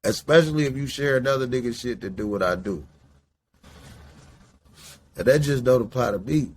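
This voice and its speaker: A man's voice: mid-range voice, moderate pace, a little mellow. A man in his late forties from the Midwest, hosting a podcast in a loose, rambling, profane way while he smokes indoors. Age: 40s. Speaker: podcast host. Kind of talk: casual monologue. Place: indoors, smoking while talking.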